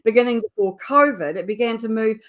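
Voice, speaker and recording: The host, a middle-aged woman from New Zealand whose voice runs on the high side, launches her live online business program with an emphatic, carefully paced scripted opening.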